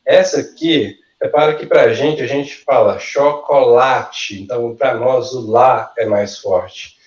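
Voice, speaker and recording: Slow, patient male teacher. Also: medium pitch, a little mellow, roomy sound, far from the mic, dull audio. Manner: slow, careful model pronunciations for students to repeat. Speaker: language teacher. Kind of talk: online workshop lesson. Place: video call.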